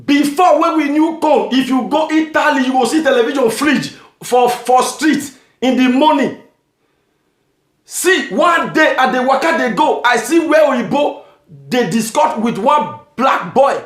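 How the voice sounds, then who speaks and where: A man from Nigeria with a Nigerian Pidgin accent, doing a comic monologue, shouting his punchlines and laughing at his own jokes. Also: very high voice, expressive, a little slow. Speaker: stand-up comedian. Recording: echoey room with music behind.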